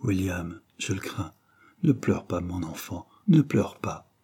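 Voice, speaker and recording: A man reading a novel aloud, voicing a tender, grieving mother who speaks softly and gently. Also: deep voice, animated, takes it slowly, husky, heavily acted. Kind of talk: audiobook character voice.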